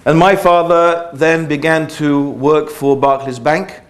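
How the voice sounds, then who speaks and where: A man's voice: fairly high pitch, fairly even intonation, a little slow. Man giving a chatty lecture. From England. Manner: conversational, full of fillers and asides. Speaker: Islamic lecturer. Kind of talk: informal religious lecture.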